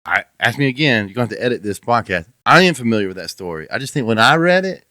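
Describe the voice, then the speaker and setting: A man's voice: medium pitch, big pitch swings, fast, sharp tone, no echo, studio quality. A man co-hosting a faith podcast who rambles and keeps restarting his sentences in casual chat. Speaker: podcast co-host.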